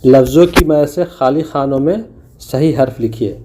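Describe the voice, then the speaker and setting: A man with a mid-range voice speaks at normal speed over a noisy background, explaining a slide in a recorded Urdu lesson. He patiently sounds out the letters and syllables one by one.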